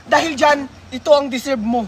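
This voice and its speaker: A woman playing a loud, bossy gift-giving aunt. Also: high voice, normal speed, heavy background noise, close to an everyday voice. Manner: loud, scolding, shouty. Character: bossy scolding older woman handing out gifts. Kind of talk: comedy skit acting.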